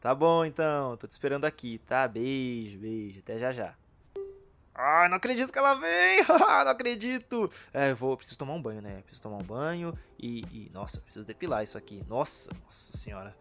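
A man playing a nervous, lovesick detective who rambles excitably and talks to himself in acted comedy-drama dialogue. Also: medium pitch, quick pace, hardly any pauses, a little hiss or hum, close to an everyday voice. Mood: elated, excited. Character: nervous lovesick male detective, awkward, self-doubting, eager.

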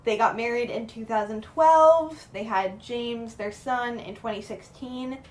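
A young woman co-hosts a podcast in a loose, rambling way. Her voice sits a little high, and she keeps filling her sentences with casual words as she recaps a show. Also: measured pace, darkish tone. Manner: rambling, chatty, heavy with filler words. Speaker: podcast co-host.

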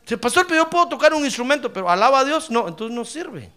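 A man preaching a sermon to his congregation, addressing them directly and breaking into loud shouted praise. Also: very high-pitched, sing-song, fast.

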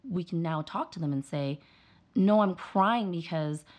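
A woman's voice: lowish voice, a little slow, lo-fi sound. A woman in her thirties, a mother being interviewed, telling earnest stories and acting out the dialogue. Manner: earnest, animated storytelling with quoted dialogue. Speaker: guest, mother and dental hygienist. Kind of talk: casual interview conversation.

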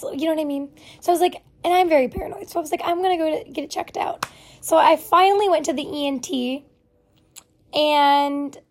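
A young woman hosting her own solo podcast rambles on in a chatty, self-deprecating way with many fillers. Her high, slightly mellow voice is always hoarse and raspy from vocal cord nodules, sounding as though she's recovering from a cold.

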